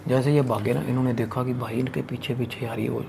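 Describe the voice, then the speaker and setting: A man's voice: mid-range voice, fairly even intonation, quick pace, vocal fry, noisy background. A man hosting a podcast, telling a horror story in a casual, crude and slangy way full of swearing.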